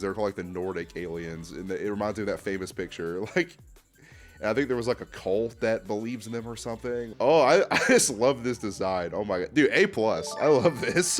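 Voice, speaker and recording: A man hosting a casual reaction video, excitable and slangy, often saying "dude" and laughing as he talks. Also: lowish voice. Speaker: YouTube host ranking fan art.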